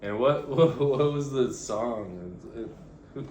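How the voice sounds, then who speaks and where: A young man co-hosting a podcast, chatting casually and prompting with halting questions. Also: mid-range voice, animated, a little mellow. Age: young adult. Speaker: podcast co-host. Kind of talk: casual interviewing chat. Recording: echoey room, faint noise.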